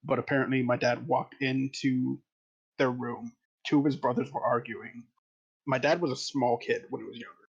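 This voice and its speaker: A man's voice: medium pitch, level tone, normal speed, vocal fry, husky, highs cut off. A man telling rambling family anecdotes at a tabletop game session, correcting himself as he goes. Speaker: player. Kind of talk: casual storytelling at a game table.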